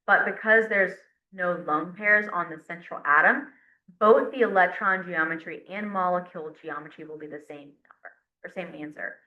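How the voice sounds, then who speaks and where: A woman's voice: on the low side, normal speed, sharp tone. A woman teaching a chemistry class, explaining step by step in a casual classroom lecture and sometimes counting aloud at the board. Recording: roomy, dull lo-fi classroom recording.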